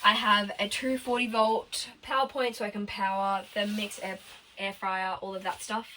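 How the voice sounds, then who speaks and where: A woman's voice: medium pitch, level tone, moderate pace, sharp tone. A young woman, chatting casually as she gives a tour of her converted bus and laughs often. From Australia. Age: early 20s. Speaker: vlogger giving a bus tour. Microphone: camera held by her sister. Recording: camera at a distance with background noise.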